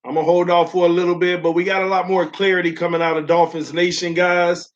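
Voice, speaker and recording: Young male stream host, fairly high, flat-voiced, loose and friendly with steady "um" fillers, voice still sore from illness, muffled lo-fi sound. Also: brisk. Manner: loose and friendly, heavy "um" fillers, calls viewers "man" and "y'all". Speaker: host of a sports fan livestream. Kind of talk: casual livestream chat, reading viewer comments. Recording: dull lo-fi stream audio.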